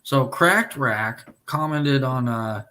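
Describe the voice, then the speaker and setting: A man's voice: medium pitch, takes it slowly, bright, forceful tone. Blunt, profane male stream host. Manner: blunt and profane, with frequent filler words. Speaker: livestream show host. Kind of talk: casual live-stream chat.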